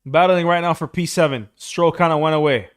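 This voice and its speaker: Excitable young man calling a live race. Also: a little high, a little fast, smooth. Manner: casual, excitable, says bro a lot. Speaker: streamer.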